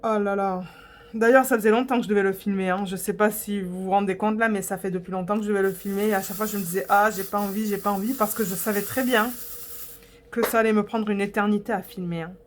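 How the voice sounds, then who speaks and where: A woman's voice: mid-range voice, steady tone, quick pace, slight background noise. A young woman vlogging in a casual, rambling way, chatting to her viewers with lots of fillers and restarts. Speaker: diamond painting vlogger. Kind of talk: casual chat to camera.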